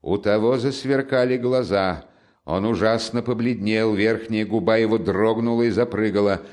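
A man narrating a classic novel in an expressive, measured storytelling manner. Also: fairly low pitch. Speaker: audiobook narrator. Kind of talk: literary audiobook narration.

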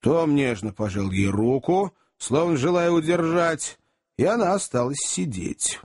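Husky, lively male storyteller. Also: a little high, a little slow. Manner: chatty first-person storyteller addressing gentlemen. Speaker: audiobook narrator. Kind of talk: expressive audiobook storytelling.

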